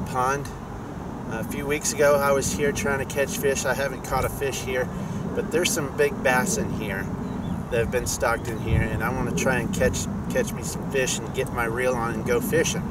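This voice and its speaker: A middle-aged fishing vlogger with a mid-range voice talks slowly by a park pond, halting with many pauses, "uh"s and restarts in a casual outdoor vlog. He films first with a camera on a stand, then a head-mounted camera, and outdoor noise sits behind his voice.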